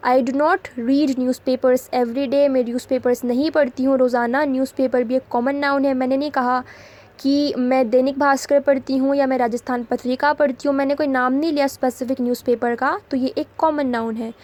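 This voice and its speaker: A woman English grammar teacher from India talks through a lesson in a bright, high voice. She explains patiently and slows right down whenever she reads an example sentence aloud. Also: level tone.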